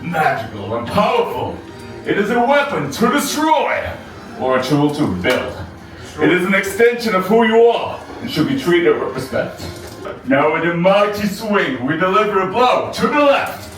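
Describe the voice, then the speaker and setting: A man's voice: sits high, very animated, moderate pace. A man playing a mighty, boastful Norse thunder god in a live children's show, with grand, archaic, commanding speech. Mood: rousing. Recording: echoey venue from far off, loud music.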